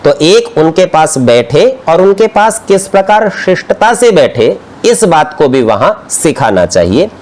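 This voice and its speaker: A man's voice: on the high side, very animated, a little mellow. Man teaching scripture, patient and explanatory. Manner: explains slowly, term by term, with examples. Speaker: religious teacher. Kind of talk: scripture study lecture. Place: outdoor courtyard class.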